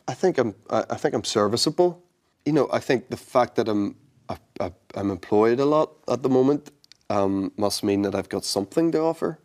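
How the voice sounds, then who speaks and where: A man's voice: medium pitch, expressive, moderate pace, a little mellow. A man with a Northern Irish accent, an actor answering interview questions thoughtfully, often restarting and repeating words. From Northern Ireland. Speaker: actor guest. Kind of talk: interview conversation.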